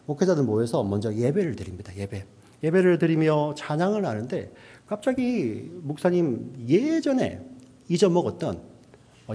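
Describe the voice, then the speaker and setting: A male pastor delivering a sermon, often checking in with the congregation and moving between a raised voice and a hushed near-whisper. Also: medium pitch, husky. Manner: preaching with frequent "yes" and "right?" asides to the congregation.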